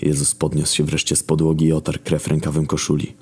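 A man narrating a first-person story in an even storytelling manner. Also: a bass voice, a little fast, slightly rough. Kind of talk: narrated dark comedic story reading.

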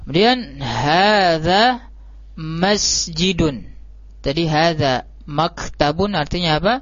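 A man teaching an Arabic lesson, repeating words slowly and drawing them out for his students. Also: fairly high pitch, a bit bright, no echo. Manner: slow, drawn-out repetition of words. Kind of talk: classroom lesson. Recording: dull lo-fi live stream audio.

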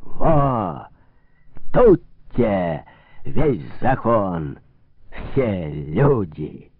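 A man voicing a rowdy, drunken rich merchant who boisterously shouts toasts and calls for a troika. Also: fairly low pitch, big pitch swings, drawn-out words, gravelly, breathy edge, exaggerated voice. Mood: boastful. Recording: dry, narrow phone-like sound.

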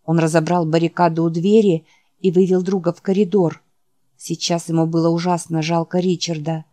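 A woman narrating an audiobook in a measured, dramatic reading style. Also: on the low side, little pitch movement, dark tone, no room sound.

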